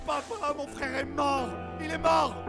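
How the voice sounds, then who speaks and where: A sobbing, distraught young son. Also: male voice, very high voice, fairly even intonation, a little slow, gravelly, fairly bright tone, soft background music, full character voice. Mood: sobbing grief. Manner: sobbing, repeating himself in despair. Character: young man shattered by his friend's death. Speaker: grieving son. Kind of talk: dubbed TV drama acting.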